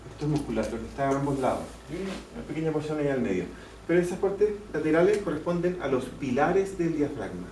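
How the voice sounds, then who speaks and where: A man teaches an anatomy class, repeating each key term and checking that students follow. His voice is mellow and sits a little high. He is picked up from a distance in an echoey lecture hall with faint background noise. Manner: explains step by step, repeats key terms, checks in with "¿ya?". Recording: echoey classroom, mic far off, faint ambience.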